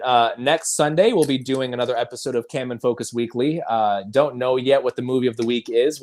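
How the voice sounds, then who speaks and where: A man hosting a casual livestream movie chat, rambling with frequent chuckles. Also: mid-range voice. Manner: rambling, laughing often. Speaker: host.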